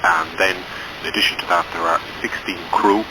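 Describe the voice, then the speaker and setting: A man's voice: deep voice, steady tone, fairly quick. A man reporting figures over the radio as an airline pilot. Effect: radio transmission. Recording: noisy aviation radio.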